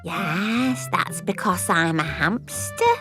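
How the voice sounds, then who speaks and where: A woman's voice: on the low side, animated, slow pace. A woman playing a fussy, kindly hamster vet in a children's cartoon, exclaiming emphatically. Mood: fussy, grateful. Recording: loud music behind the voice.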